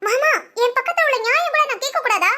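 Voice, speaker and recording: A woman's voice: very high-pitched, expressive, fast, bright, forceful tone, heavily acted. A woman voicing a sly, defiant young village wife in a cartoon, sarcastic and muttering spiteful asides, with Tamil village speech. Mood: pleading. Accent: Tamil Nadu village speech. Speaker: daughter-in-law.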